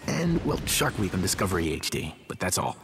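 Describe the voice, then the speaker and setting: Wry gravelly man in a radio ad. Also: deep voice, a little fast. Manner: wry, deadpan. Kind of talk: comic radio ad monologue. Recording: music bed behind.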